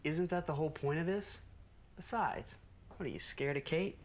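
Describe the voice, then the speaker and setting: Man playing a calm husband, noisy room recording. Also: a little high, normal speed, lightly acted. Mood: placating, dismissive. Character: calm, dismissive husband of a sleepwalker. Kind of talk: naturalistic found-footage horror acting.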